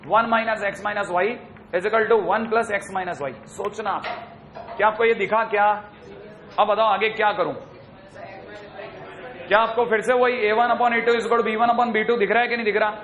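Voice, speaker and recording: A man teaching math in a classroom lecture, brisk and chatty, teasing his students as he works through problems. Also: high-pitched, fairly even intonation, a bit bright.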